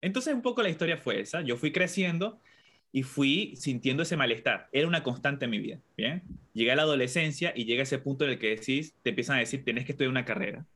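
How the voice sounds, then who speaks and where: Animated and quick, with a sharp tone and medium pitch, this young man from Venezuela recounts his life thoughtfully in an interview. His accent mixes Venezuelan, Colombian and Argentine Spanish, and he shares anecdotes while imitating childhood voices.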